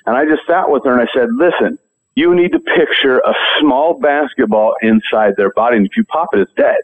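A man's voice: mid-range voice, lively intonation, brisk. A man telling casual stories as a guest calling in to a radio interview, on a dull, band-limited line. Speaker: interview guest, hunting show presenter.

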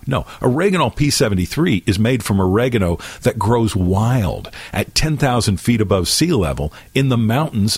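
A man's voice: on the low side, breathy edge, dry recording. A man reading a scripted radio ad in a salesy announcer manner. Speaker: commercial announcer.

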